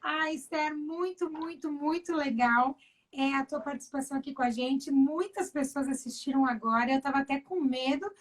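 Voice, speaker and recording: Enthusiastic high-voiced woman host. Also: normal speed, rough recording. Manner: enthusiastic, often adds tag questions. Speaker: host of a live stream for teachers. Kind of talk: casual live interview.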